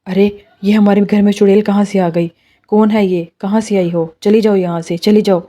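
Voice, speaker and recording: A drunk husband in a spoken horror story, drawling and sluggish, then startled into shouting, as a woman narrator puts him on. The voice is low and mellow throughout. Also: level tone, measured pace, natural voice. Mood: alarmed.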